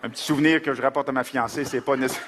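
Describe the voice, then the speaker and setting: A man's voice: medium pitch, fairly even intonation, racing, background noise. A man with a Quebec French accent doing stand-up comedy, stumbling comically through broken English.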